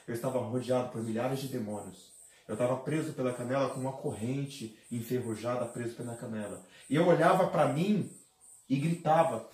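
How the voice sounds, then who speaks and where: A man of middle pitch gives a pastor's testimony, telling his story dramatically and acting out his own cries. He sits well back from the microphone in a reverberant room, so his voice sounds hollow and distant. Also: a little mellow. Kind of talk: emotional spoken testimony. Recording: roomy sound from a distant mic.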